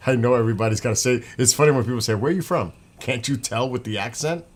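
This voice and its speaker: A mid-range, quick-paced male voice with a New York accent hosts a livestream, chatting loosely and greeting viewers while reading out their comments and names. Background noise and the sound of the room come through clearly.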